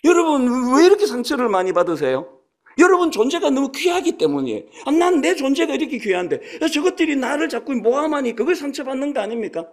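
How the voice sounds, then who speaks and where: A man's voice: extremely high pitch, sing-song, quick pace. A man in his sixties preaching a sermon as a pastor, in a conversational storytelling manner that acts out quotes. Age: 60s. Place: church sanctuary.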